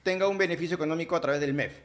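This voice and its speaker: A man's voice: a little high, very fast. A man with a Peruvian Spanish accent co-hosting a casual chat show, retelling stories and acting out quotes. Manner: storytelling, acts out quotes. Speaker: co-host.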